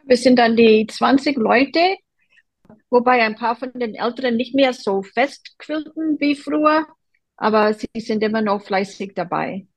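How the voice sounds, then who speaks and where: Casting: woman guest with an American accent, slightly high voice, relaxed anecdotes, dry close mic. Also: a little slow, dry recording, low-quality recording. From USA (Boston). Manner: relaxed, chatty, personal anecdotes. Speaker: guest, quilt group member. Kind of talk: casual interview chat.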